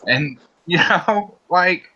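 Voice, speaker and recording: A man's voice: high voice, animated, extremely slow, pushed and bright, breathy edge. A man hosting a casual stream chat, heated and opinionated, swearing freely. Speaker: stream host. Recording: dull lo-fi stream audio.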